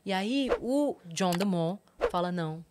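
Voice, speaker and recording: A middle-aged Brazilian woman with a Brazilian Portuguese accent, a podcast guest telling a story in lively fashion and quoting others in changing voices. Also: fairly low pitch, unhurried, noisy background. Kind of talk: casual podcast interview.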